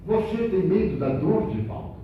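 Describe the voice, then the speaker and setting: A man quoting a gentle young nurse spirit. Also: high-pitched, animated, moderate pace, slight background noise. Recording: echoey distant lo-fi hall recording.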